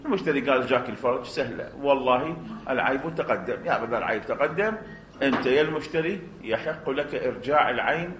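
A man with an Iraqi accent teaching a jurisprudence class, animated, firing off rhetorical questions and acting out short exchanges. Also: on the high side, slight background noise. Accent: Iraqi Arabic. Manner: animated, fast, poses rhetorical questions and acts out dialogues. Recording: roomy, dull recording.

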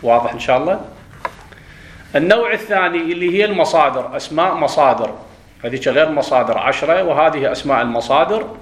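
In a classroom with roomy echo, a man teaches a grammar lesson in a voice on the high side and a bit bright. He drills pronunciation by contrasting correct and incorrect forms, checking understanding with quick questions.

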